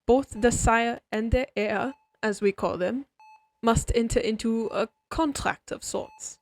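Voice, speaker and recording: With a slightly high voice, a woman performs a courteous, explanatory vampire doctor, an aristocratic healer centuries old who is refined and oddly friendly. The scripted comfort roleplay is spoken directly to the listener. She keeps a formal, measured, courteous bedside manner throughout.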